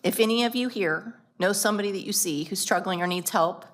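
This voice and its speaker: A woman on a school board speaking earnestly at a public meeting, getting choked up and stretching out words for emphasis. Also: mid-range voice. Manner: earnest, emotional, drawn-out emphasis.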